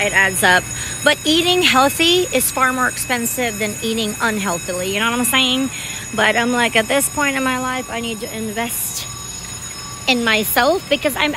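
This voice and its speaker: Against a noisy backdrop, a fairly high-voiced woman wanders a big store, filming a vlog and chatting casually and ramblingly with her viewers.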